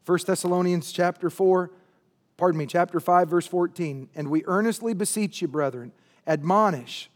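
A man's voice: high-pitched, normal speed. A man in his late thirties preaching a sermon in a church, emphatic and conversational, with asides to the congregation. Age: 30s. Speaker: pastor. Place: church sanctuary.

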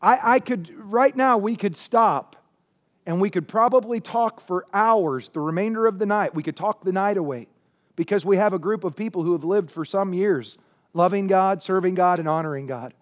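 A man's voice: sits high, moderate pace. A man in his late thirties preaching a sermon in a church, emphatic and conversational, with asides to the congregation. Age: 30s. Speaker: pastor. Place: church sanctuary.

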